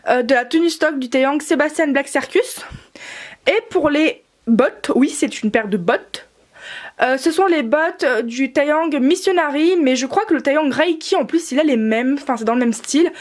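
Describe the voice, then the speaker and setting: A young woman with a high voice chats her way through a show-and-tell. She rambles a little, fills gaps with hesitations and corrects herself as she goes. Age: young adult. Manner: chatty, rambling, many fillers and self-corrections. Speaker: doll collector vlogger. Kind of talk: casual show-and-tell narration.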